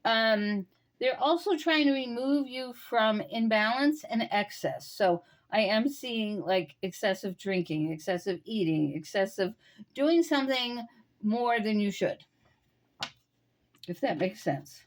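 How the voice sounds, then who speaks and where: Musing higher-voiced woman tarot reader. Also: expressive. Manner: musing, speaks straight to the listener with many "um"s and pauses. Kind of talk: intuitive tarot reading.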